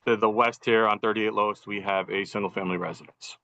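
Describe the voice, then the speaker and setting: A man's voice: lowish voice, fairly even intonation, fairly quick, bright, forceful tone, no room sound. A man, a professional engineer, joining by video call over poor Wi-Fi, methodically walking a meeting through a site plan. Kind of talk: formal presentation at a public meeting. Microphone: computer audio on a video call. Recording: dull lo-fi video call audio, dry.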